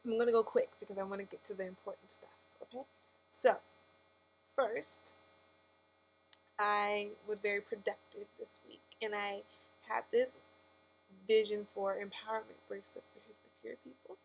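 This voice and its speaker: Speaking to camera at a moderate pace with frequent pauses, this woman gives a casual, heartfelt testimony tied to her faith. She has a lisp, a medium-pitched voice and an emphatic, self-correcting style, and the poor audio includes mains hum and ambient noise.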